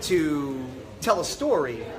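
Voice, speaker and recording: A man's voice: on the high side, very animated, takes it slowly, a crowd in the background, low-quality recording. A man who hosts a show, chatting casually and effusively on a red carpet, repeating himself for emphasis. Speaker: show host being interviewed.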